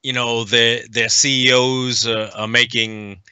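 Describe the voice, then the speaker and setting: A middle-aged man from the United States, a guest in a casual podcast conversation, speaking earnestly and haltingly with frequent pauses. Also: medium pitch, little pitch movement, sharp tone, clear, resonant tone, no room sound, lo-fi sound. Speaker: guest, veteran nonprofit advocate.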